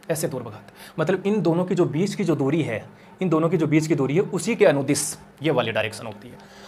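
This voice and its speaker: A man's voice: a little high, slight background noise. A man teaching physics in a lecture, asking his own questions and answering them, repeating key points as he works through them on the board. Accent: Hindi. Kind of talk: classroom lecture explaining on a board.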